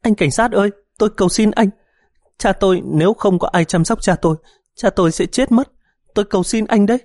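A young woman begs through sobs in a high, strained voice, as a male storyteller puts her on. Her pitch climbs far above his own speaking voice in a dry, close audiobook read. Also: fairly quick, darkish tone, dry recording. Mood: tearful pleading. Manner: high pleading, tearful. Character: distraught young woman pleading in tears.

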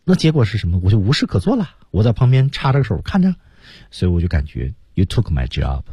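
Low dark husky guy teaching english on the radio, super expressive, dry studio sound. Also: quick pace, dry recording. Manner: lively explaining, acts out English lines. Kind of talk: explaining lesson on radio.

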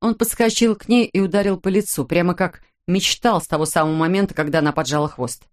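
A woman with a fairly low voice narrates an audiobook. Her reading is measured and dramatic. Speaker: audiobook reader. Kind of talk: scripted narration.

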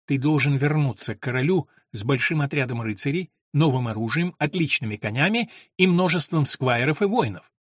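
A man's voice: mid-range voice, expressive, brisk, dry recording, clean studio sound, close to an everyday voice. A man voicing a scheming noblewoman mother. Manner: firm, instructive.

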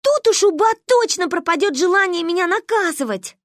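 A woman voicing a bossy, stubborn little girl who shouts indignantly. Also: extremely high pitch, big pitch swings, fairly quick, no room sound, studio quality, voice pushed up, heavily acted. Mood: scheming.

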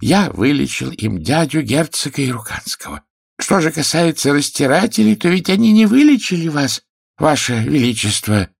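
A timid old healer, voiced by a male narrator, stammering and hushed before his king. His low voice has a gravelly grain and a dry, close sound in this audiobook. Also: big pitch swings, moderate pace, no echo, heavily acted. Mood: deferential.

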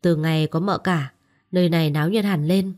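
A deferential young household maid from an audio story, polite and cheerful in her replies, as a woman narrator reads her. The voice stays low and gentle. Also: steady tone, brisk, lightly acted.

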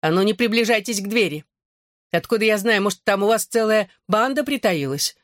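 A man reading an audiobook who voices a paranoid, furious woman around forty, with a shrill, hostile and suspicious delivery. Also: animated, a little fast, fairly bright tone, no room sound, clean studio sound.

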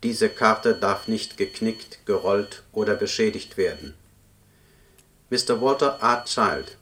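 In a radio play, an actor voices a book club's computer, a male character reading out form demands. His voice is lowish, slow and fairly bright, delivering formulaic official notices in a stiff, impersonal, official manner. The scripted recording is noisy, with background ambience.

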